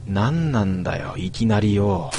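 A man playing a rough young man who talks in blunt, gruff slang. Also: fairly low pitch, expressive, measured pace, background noise.

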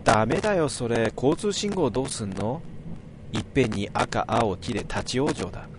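A man reading aloud, voicing an excitable young friend with a chirpy, quick voice, with vehicle noise behind. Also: mid-range voice, lightly acted. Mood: objecting.

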